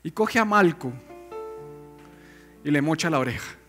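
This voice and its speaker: A male pastor preaching a sermon in an animated, conversational way, full of rhetorical questions. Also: on the high side, measured pace, soft background music.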